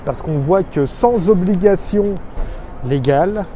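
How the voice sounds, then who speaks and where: A man from Alsace in France speaks in a mellow, slightly high voice, earnest and measured as he explains. He records himself on a phone on a city street corner. Faint traffic hums behind him. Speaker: expatriate vlogger. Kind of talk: informal video message. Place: street corner in a busy city neighborhood, outdoors. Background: faint city street and traffic noise.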